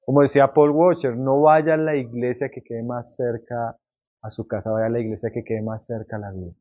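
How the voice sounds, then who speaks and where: A man preaching a sermon with passion, swinging between loud emphatic lines and quiet low ones, calling his listeners brothers. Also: steady tone, fairly quick, dull audio. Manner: repeats and addresses listeners as brother.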